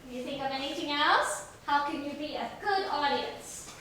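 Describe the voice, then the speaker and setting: A woman with a high-pitched, somewhat bright voice leads a young class through an English lesson at a moderate pace. She relies on simple questions and repetition and praises the children's answers to encourage them. The audio is very echoey from a faraway mic in a classroom, with faint noise.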